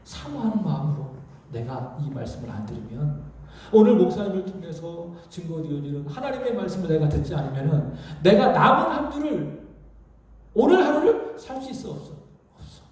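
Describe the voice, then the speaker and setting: A man preaching a Friday prayer-meeting sermon, asking the congregation questions and having them repeat phrases back. He swings between loud peaks and soft asides. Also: on the high side, very animated, brisk, far from the mic. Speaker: pastor. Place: large church sanctuary. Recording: very echoey room, voice from afar.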